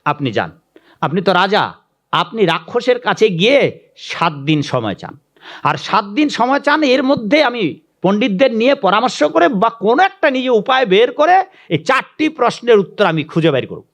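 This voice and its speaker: A man voicing a clever scholar who briskly reassures his father-in-law. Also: high voice, very animated, a bit bright, heavily acted. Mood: reassuring. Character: clever scheming young scholar son-in-law.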